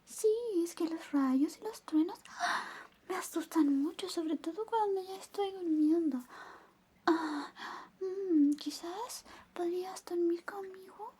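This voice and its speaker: Taking her time, a woman performs a whispery, high-pitched best friend with a flirty, affectionate streak for Spanish ASMR. Soft breathy whispers blend with a quiet voice, and her delivery is lingering, close, and coaxing.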